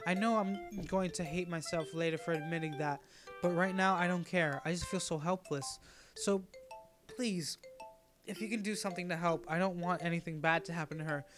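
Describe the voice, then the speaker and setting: A man's voice: on the high side, steady tone, moderate pace, over music, lightly acted. A man reading as a worried prickly girl. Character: worried, prickly teenage girl writing a note.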